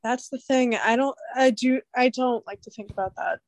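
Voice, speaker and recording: This young woman speaks at a normal speed with a slightly high, slightly nasal voice, and the recording has no room sound. Chatting casually, she tells rambling, animated stories packed with fillers.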